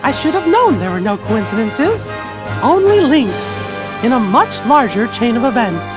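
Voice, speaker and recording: Squeaky, earnest little cartoon mouse hero. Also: male voice, big pitch swings, moderate pace. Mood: earnest, tender. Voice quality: squeaky falsetto. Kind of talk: video game cutscene acting. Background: background music.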